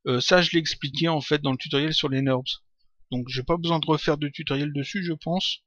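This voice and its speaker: A man answering viewer questions in a casual software tutorial, talking hesitantly with many fillers and restarts. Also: a little high, steady tone, fairly quick, no room sound, dull audio. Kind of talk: casual screen-recorded Q&A.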